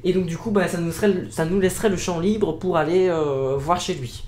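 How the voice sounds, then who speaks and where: A man's voice: high voice, steady tone, a little fast, darkish tone. A man with a Belgian French accent improvising casual role-play dialogue in a colloquial, repetitive, talkative way. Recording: echoey room sound.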